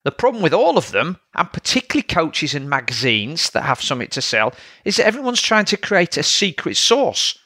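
A man's voice: on the high side, sing-song, a little fast, hardly any pauses, bright, forceful tone, no echo, clean studio sound. A man, a coach hosting his own podcast, talking through training advice in a plain, lecturing way with frequent "all right?" check-ins. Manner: plain-spoken, lecturing, asks rhetorical checks. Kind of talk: solo podcast monologue.

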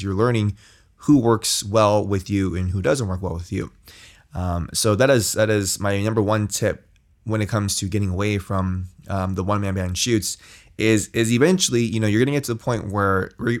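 A man hosting a podcast, giving rambling casual advice with many restarts and tag questions. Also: lowish voice. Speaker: podcast host.

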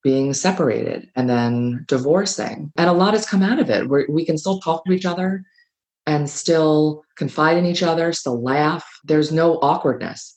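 A middle-aged woman hosting a talk show, chatting casually about change and acting out what family members say in quick little voices. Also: low voice, darkish tone. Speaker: podcast host. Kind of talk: casual advice monologue.

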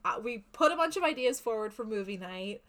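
A woman's voice: a little high, animated, fairly quick, a bit bright. A woman co-hosting a podcast, explaining in a rambling, chatty way. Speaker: podcast co-host. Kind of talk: casual podcast chat.

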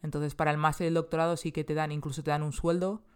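Here a woman from Spain, in her thirties, talks very fast in a low, level, clean-toned voice. Appearing as a casual interview guest, she has a Spanish accent and keeps restarting her sentences, with plenty of fillers.

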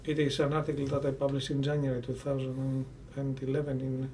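A man from Greece with a Greek accent, answering as an academic in an interview, deliberate and often searching for words. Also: medium pitch, completely flat delivery, dark tone. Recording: distant mic with faint background noise.

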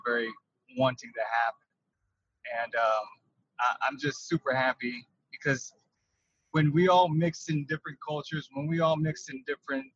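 A man's voice: mid-range voice, fairly bright tone, husky, dry recording, highs cut off. Man talking from a windy truck cab. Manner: halting, repeats words while thinking. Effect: windy, tunnel-like truck-cab sound. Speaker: podcast guest. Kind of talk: casual interview over a call. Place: inside his truck.

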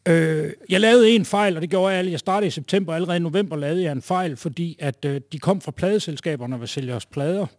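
A man's voice: on the high side, a little mellow, no echo, studio quality. A middle-aged man telling a wry, self-mocking story about his working life to a live audience.

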